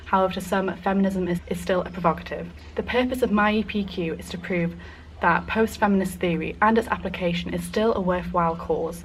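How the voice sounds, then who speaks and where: A teenage woman narrating her own documentary in a measured, formal way and putting questions to interviewees. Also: on the low side, slight background noise, rough recording. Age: teens. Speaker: student documentary maker and interviewer.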